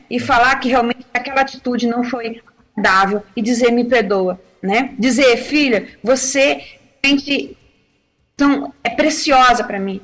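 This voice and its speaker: Woman, missionary, high voice, animated storyteller, TV studio talk. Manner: animated storytelling, acting out quotes, laughing. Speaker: missionary giving family advice on TV.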